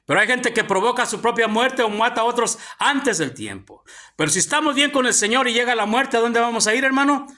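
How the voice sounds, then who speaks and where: Here a man preaches briskly to the gathered faithful in a church hall, his very high voice carrying a sharp edge. Again and again he calls out "hermano" to his brothers.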